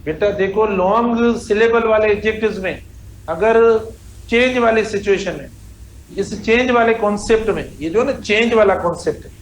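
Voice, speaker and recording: A man's voice: sits high, reverberant, slight background noise, poor audio. A man teaching English grammar in a classroom lecture, drawing out example sentences word by word and calling students "beta". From Pakistan.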